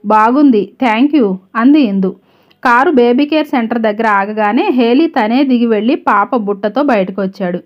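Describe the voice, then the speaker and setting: A woman's voice: on the high side, moderate pace. Woman narrating a story, lo-fi. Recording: slightly dull lo-fi recording.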